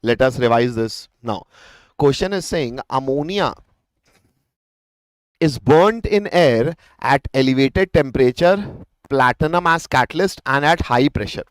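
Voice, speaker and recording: An Indian-accented man lectures as a teacher in a live revision class. His pitch is average for a man and the sound is dry, with little room to it. He explains by posing questions and answering them himself, often repeating key phrases. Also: lively intonation, a little slow, clear, resonant tone, no echo. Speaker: chemistry teacher.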